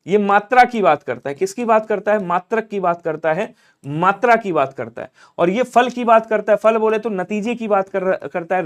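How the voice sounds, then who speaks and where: A man teaching an online exam-prep Hindi class, walking through answers step by step and putting questions to his students, then answering them himself. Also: sits high.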